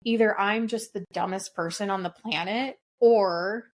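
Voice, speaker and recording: A middle-aged woman spinning a story in loose, casual chat. She swears freely and acts out what everyone said, keeping the telling animated throughout. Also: mid-range voice, a little slow. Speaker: podcast co-host.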